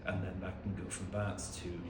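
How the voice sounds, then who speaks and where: A man's voice: deep voice, little pitch movement, moderate pace. A man from Swansea with a Welsh accent, speaking hesitantly and reflectively as an artist being interviewed in a cafe gallery. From Swansea, Wales. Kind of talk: informal interview answers. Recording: echoey, very noisy cafe gallery.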